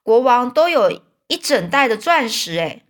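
A woman reading aloud as an eager, boastful storybook boy full of big plans. The voice is fairly high and bright with excitement, with a lilt. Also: a little slow.

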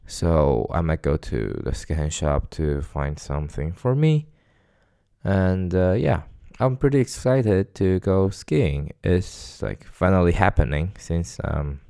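Young man, thick foreign accent, non-native English, casual podcast monologue, halting delivery, clean smooth tone, dry close sound. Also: low-pitched, a little mellow, no room sound. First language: not English. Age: young adult. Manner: halting, searching for words. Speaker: podcast host.

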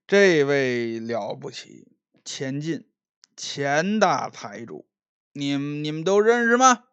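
A man voicing a drunk, mocking young gentleman who taunts an old classmate and stammers as he talks. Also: on the high side, sing-song, takes it slowly, clear, resonant tone, no room sound, muffled recording, heavily acted. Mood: boastful. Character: drunk, sneering young male gentleman bully.

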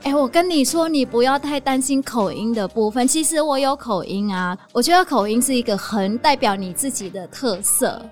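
A woman's voice: fairly high pitch, expressive, normal speed, few pauses, soft background music. A woman from Vietnam hosting a casual interview podcast, chatting in fluent Mandarin. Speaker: podcast host.

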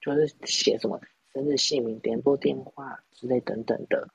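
A young man in his twenties chats on a podcast, rambling through a self-mocking story with lots of restarts. His voice is gravelly and very husky. The sound is dry and close. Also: medium pitch, steady tone, normal speed, dry recording, low-quality recording. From Taiwan. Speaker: podcast host. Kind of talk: casual storytelling chat.

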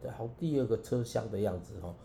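A man, a preacher and songwriter giving an earnest, halting personal testimony as a radio guest, with many restarts. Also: lowish voice, expressive, gravelly, dark tone, echoey room, slight background noise.

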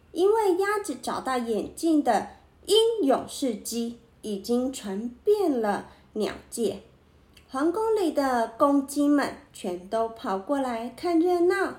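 A woman narrating a children's story in an expressive way. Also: high voice, roomy sound. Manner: expressive, slow.

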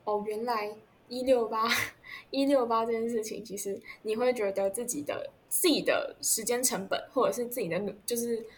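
一位带台湾口音的年轻女生，以轻松聊天的方式访谈对方，说话常夹带语气词和停顿，声音偏高。背景有微弱的环境杂音。. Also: female voice, on the high side, a little hiss or hum. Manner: chatty, many fillers and trailing pauses. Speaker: interviewer. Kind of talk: casual chat.

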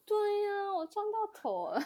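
A woman's voice: very high-pitched, sing-song, a little slow, mellow. A young woman co-hosting a casual chat, telling a story animatedly, often laughing and acting out the voices of people in it. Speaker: podcast co-host.

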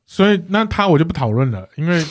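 A man, co-hosting a casual chat and telling a story in an animated way, laughing often. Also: a little high, quick pace, a little hiss or hum. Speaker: podcast co-host.

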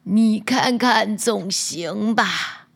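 A wicked queen disguised as an old crone, put on by a woman storyteller leans in with a slow, low, coaxing voice. Her tone is slightly husky and sweetly persuasive, like a storybook villain tempting a child. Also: full character voice.

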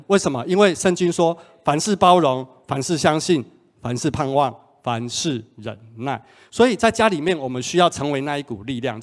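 A male pastor preaching a sermon in a conversational way, often asking the congregation questions. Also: on the high side. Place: church hall. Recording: long hall reverb.

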